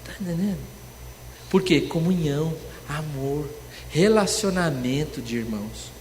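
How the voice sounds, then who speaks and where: A man's voice: on the high side, measured pace, a little mellow, slight background noise. A man giving a church seminar in a sermon style, often turning to the audience with questions such as whether they follow. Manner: checks in with the audience through rhetorical questions. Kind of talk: sermon-style teaching with personal stories. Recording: church room with long reverb, faint ambience.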